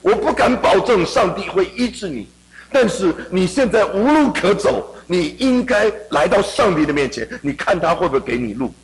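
A middle-aged man preaching a sermon, telling a personal story and swinging between hushed passages and emphatic ones. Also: sits high, very animated, moderate pace, rough recording.

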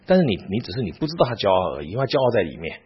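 A husky-voiced man leads a Bible class like a sermon, his pitch rising and falling with lively emphasis. He keeps checking in with rhetorical questions to the room. The recording is dull and lo-fi. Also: racing. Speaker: Bible teacher. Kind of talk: teaching sermon.

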